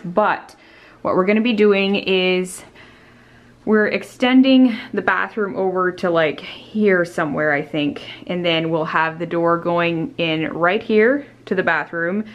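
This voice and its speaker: A woman giving an upbeat, casual walkthrough of an empty condo, her voice echoing off bare walls. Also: on the low side. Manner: chatty, upbeat, loose with fillers. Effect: echoey empty room. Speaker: home renovation vlogger.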